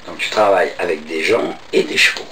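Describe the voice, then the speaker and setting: A man hosts a casual interview with a hoarse, cavernous, low voice. He is chatty and self-deprecating. The sound is roomy and distant, with clear noise behind him. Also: fairly quick, sharp tone. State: hoarse, cavernous voice from lingering voice loss. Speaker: host of a health show. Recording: roomy echo, off-mic, clearly noisy.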